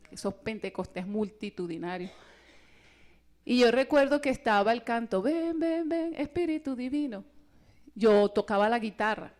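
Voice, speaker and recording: A woman with a mid-range voice speaks at a religious retreat, sharing her personal testimony with lively energy and performing the voices of the people in her story.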